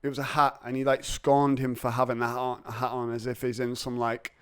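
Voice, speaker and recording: A man's voice: mid-range voice, little pitch movement, a little fast, smooth, no echo. A man hosting a podcast, chatting in a rambling, jokey, confessional way. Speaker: podcast host. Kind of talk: casual chat.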